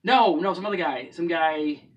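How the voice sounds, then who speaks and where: A man's voice: fairly high pitch, normal speed, husky, far from the mic, lo-fi sound. A man co-hosting a casual movie chat, hesitant and full of ums as he searches for names. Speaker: co-host of a movie review show.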